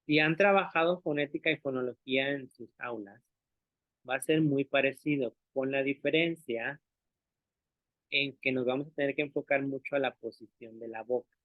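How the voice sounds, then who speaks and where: Speaking at a normal speed in a mid-range voice, a male language teacher explains material to other teachers, checking patiently that they follow and demonstrating sounds out loud. There's no room sound, and the recording has a dry, thin, phone-like quality.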